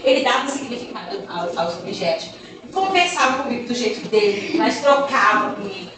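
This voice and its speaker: A woman speaking casually to teachers, telling animated stories and acting out the children and parents in them. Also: a little high, normal speed, a crowd in the background. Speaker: guest speaker on gifted education. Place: large room or hall at a school training session. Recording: echoey room, voice from far off.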